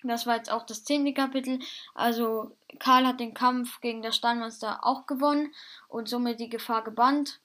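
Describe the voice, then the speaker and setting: Woman reading a story aloud, fairly high. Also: normal speed. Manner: plain, steady reading with casual asides. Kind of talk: reading a self-made adventure story aloud.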